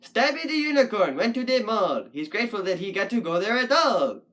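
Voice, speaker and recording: Goofy shaggy wolf puppet host, as a puppeteer plays it, rambling think-aloud delivery, middle pitch, bouncy intonation, puppet vlog. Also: brisk. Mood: playful musing. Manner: rambling, thinks out loud, lively.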